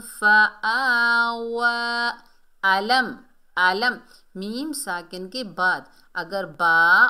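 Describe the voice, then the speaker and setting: Lady teaching quran recitation, slow and patient, bright crisp voice, chants the words out long. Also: on the low side. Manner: explains rules slowly, then recites words in a drawn-out chant. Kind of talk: tajweed lesson with recited examples.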